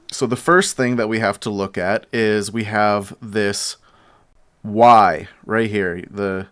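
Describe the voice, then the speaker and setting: A man teaching a bible lesson at a whiteboard, explaining slowly and pausing while he writes. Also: lowish voice, clear, resonant tone. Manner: slow, explanatory, pauses while writing. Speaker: church teacher.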